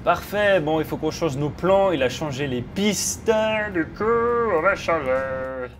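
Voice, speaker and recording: A man's voice: a little high, unhurried, soft background music. A man casually commenting on a flight simulator as host and virtual pilot. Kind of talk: casual gaming commentary with pilot radio calls.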